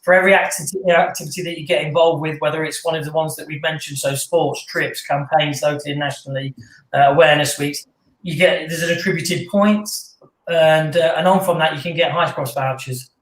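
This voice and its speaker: Higher-pitched man in an echoey room. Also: a little fast. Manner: relaxed and explanatory, with frequent fillers. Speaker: student union staff coordinator. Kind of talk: casual online panel chat. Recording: roomy echo.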